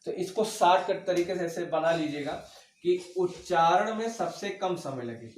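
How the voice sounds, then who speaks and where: A man's voice: high-pitched, moderate pace. A man teaching an exam-prep grammar lesson, asking questions and answering them himself, often checking with "okay". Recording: echoey room, mic at a distance.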